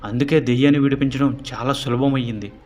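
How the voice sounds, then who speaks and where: A man voicing a calm holy man who drives out ghosts, explaining in a steady way. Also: medium pitch, fast talker, lo-fi sound, close to an everyday voice.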